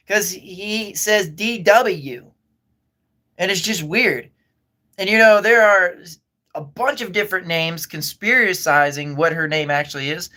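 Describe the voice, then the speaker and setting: Bright-voiced man chatting on a livestream. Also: high voice. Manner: rambling, laid-back, chuckles and trails off. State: eating while talking. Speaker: livestream host. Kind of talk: casual chat reading viewer comments.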